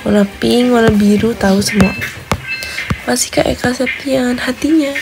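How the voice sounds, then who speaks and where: Young woman, high-ish voice, giggly casual livestream chat over music. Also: moderate pace, creaky. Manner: chatty, giggly, addresses viewers as guys. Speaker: live streamer. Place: bedroom at home.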